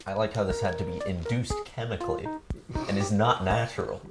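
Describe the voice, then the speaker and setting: A man's voice: on the low side, brisk, over loud music. A young man, a contestant in a homemade game show, teasing the host in a mock-defensive way.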